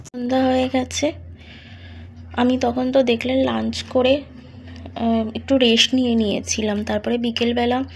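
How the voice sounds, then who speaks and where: A young woman with a slightly hoarse voice from a cold, chatting casually to viewers in a home vlog while she does her chores. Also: on the high side, darkish tone, a little hiss or hum. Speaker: vlogger.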